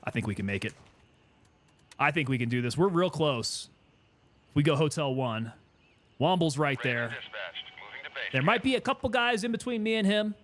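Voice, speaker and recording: A man's voice: a little high, very animated, moderate pace, long pauses, a bit bright, a little hiss or hum. A man giving casual gameplay commentary, thinking aloud and chatting with teammates as he plays. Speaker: gaming streamer.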